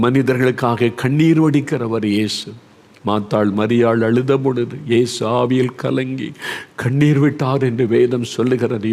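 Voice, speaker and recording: A man delivers an earnest sermon, repeating phrases as he builds toward fervent pleading. His voice sits at a middling pitch. A long reverb trails each line, as in a large hall. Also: creaky, a little mellow. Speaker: preacher. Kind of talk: Tamil sermon with a story of prayer.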